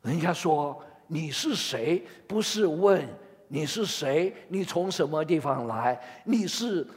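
An older man delivers a sermon, moving between scripture reading and questions aimed at his listeners. His voice sits high and rises and falls with lively energy. The sound carries the long reverb of a large hall. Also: takes it slowly. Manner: expressive, asks the audience questions. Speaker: preacher.

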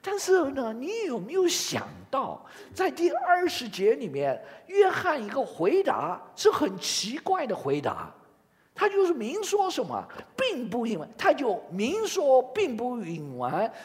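An older man delivers a sermon, moving between scripture reading and questions aimed at his listeners. His voice sits high and rises and falls with lively energy. The sound carries the long reverb of a large hall. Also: a little slow. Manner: expressive, asks the audience questions. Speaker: preacher.

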